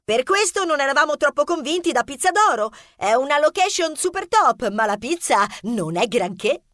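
Male narrator putting on a high chirpy influencer girl, breezy, storybook reading. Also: very animated, moderate pace, fairly bright tone, no room sound, studio quality, exaggerated voice. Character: trendy young female influencer. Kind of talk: audiobook character voice.

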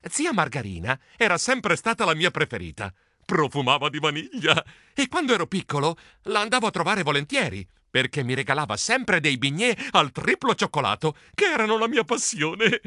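A man reading a children's storybook aloud in a playful, animated way. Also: fairly high pitch, normal speed, hardly any pauses, no echo, clean studio sound. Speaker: audiobook narrator.

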